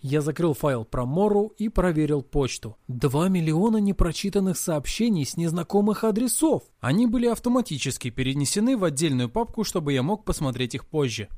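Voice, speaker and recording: A man narrating a novel in the first person as an audiobook reader, in a steady storytelling manner. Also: fairly high pitch, brisk, few pauses, dry recording, studio quality.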